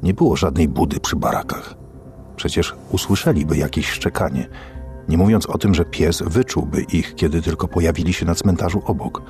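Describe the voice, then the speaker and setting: Deep-voiced male audiobook narrator. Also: normal speed, a little mellow, soft background music. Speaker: audiobook reader. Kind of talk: scripted narration of a thriller.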